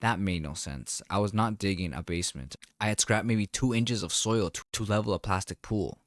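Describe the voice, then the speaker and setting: A man narrating a first-person story in a calm, wry, deliberate way. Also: on the low side, no echo, clean studio sound.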